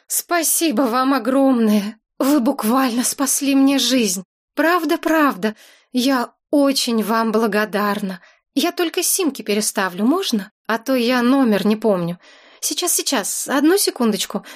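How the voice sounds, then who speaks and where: A woman's voice: a little high, expressive, a little slow. A woman voicing a frantic, dramatic young woman who wails and pleads melodramatically. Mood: gushing.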